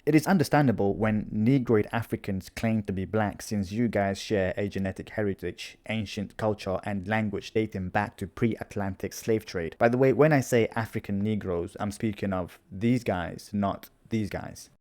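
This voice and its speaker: A man hosting his own channel, giving a measured, lecturing commentary in reply to another video. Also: on the low side, a little mellow. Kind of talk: argumentative commentary.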